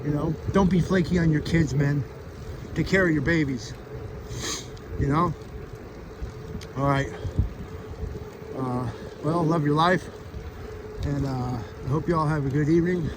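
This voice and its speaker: A man's voice: a little high, unhurried, long pauses. A man vlogging casually outdoors to his followers in an earnest, rambling, plain-spoken way, with a slight lisp from missing front teeth. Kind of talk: casual motivational vlog talk to followers. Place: outdoors on a bike trail, riding an electric bike. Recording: outdoors with loud wind and traffic noise.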